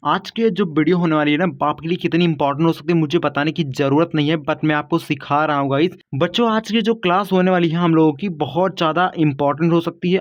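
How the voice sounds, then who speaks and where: A man's voice: on the high side, dull audio. A man teaching an online spelling lesson, explaining patiently step by step and calling his viewers kids and guys.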